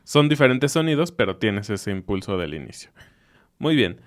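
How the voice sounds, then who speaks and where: A man's voice: lowish voice, sing-song, normal speed. A man co-hosting a language podcast, explaining in casual teaching chat and repeating example words with emphasis. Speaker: podcast co-host.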